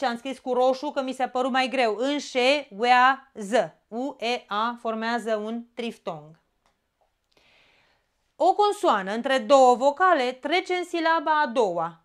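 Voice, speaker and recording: Clear-voiced Romanian woman teaching grammar. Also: on the high side. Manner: explains step by step, often asks "da?". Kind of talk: online exam-prep lesson.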